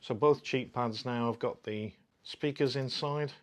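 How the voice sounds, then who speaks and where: Here the same reviewer's mid-range voice moves a little slowly, with slight noise behind it. His unboxing and fitting demonstration stays relaxed and informal, explained one step at a time.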